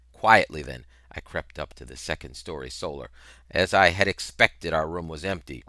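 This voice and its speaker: A middle-aged man with a deep voice narrates a children's novel expressively and dramatically, phrasing things with emphasis and deliberation. He's recorded on a headset mic with no echo.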